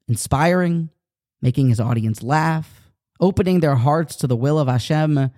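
A man tells a religious parable in an earnest, measured voice. He pauses for effect between phrases. His voice sits slightly high for a man. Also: a little mellow. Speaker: storyteller. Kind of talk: storytelling a parable.

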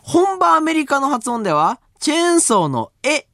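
A man's voice: extremely high pitch, very animated, moderate pace, gravelly, sharp tone, dry recording. A man co-hosting late-night radio from a studio mic, reading listener mail in an easygoing way and apologizing readily after slips. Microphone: studio microphone.

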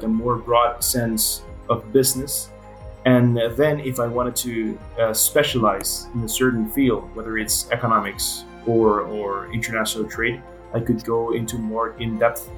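A man's voice: mid-range voice, low-quality recording. A man in his thirties from Ecuador, speaking English as a guest, answering with many fillers and restarts. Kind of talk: casual interview answers.

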